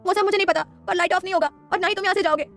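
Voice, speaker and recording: Brief: woman playing a babyish, frightened young woman in an audio story, high, quick and whiny. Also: steady tone, a bit bright, soft background music. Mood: pleading. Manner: shrill, pleading, babyish.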